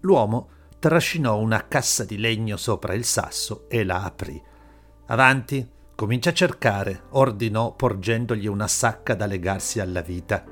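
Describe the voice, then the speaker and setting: A man narrates a story in a steady, measured way, his voice sitting on the low side. A soft bed of music is just audible beneath the reading. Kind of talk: audiobook narration. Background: faint background music.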